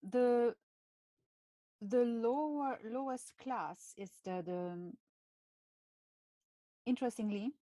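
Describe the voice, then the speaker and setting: A woman with a French accent, hosting a live stream and talking in a halting way with many pauses and fillers. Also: fairly high pitch, warm tone, no echo. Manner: halting, many fillers and restarts, laughs often. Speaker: channel host.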